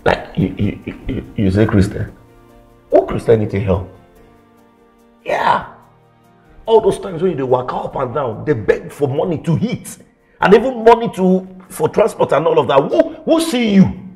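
Cynical, animated Nigerian man, gravelly voice. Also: on the high side, normal speed, faint music behind. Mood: scornful. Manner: scoffing, animated. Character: cynical, pushy worldly friend giving bad advice. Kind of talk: film drama acting.

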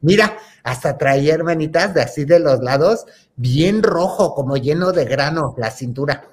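A man's voice: a little high, lively intonation, moderate pace, breathy edge. A man telling a gossip story in a campy, theatrical way, calling his listeners "hermanitas". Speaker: host.

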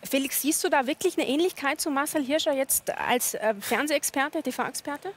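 A woman's voice: sits high, normal speed, a little hiss or hum. Inquisitive woman hosting a talk show. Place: TV studio with audience.

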